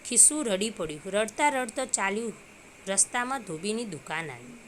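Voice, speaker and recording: A woman's voice: medium pitch, lively intonation, a little fast, a little hiss or hum. A woman teacher reading a story aloud to young children and explaining hard words simply.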